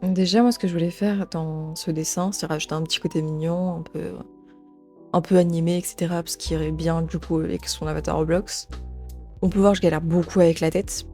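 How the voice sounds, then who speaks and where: A woman giving casual commentary while gaming and drawing, chatty and excitable, often stammering and repeating words, into a desk mic at home. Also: on the low side, a little fast, soft background music. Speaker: gaming and art YouTuber. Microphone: desk microphone.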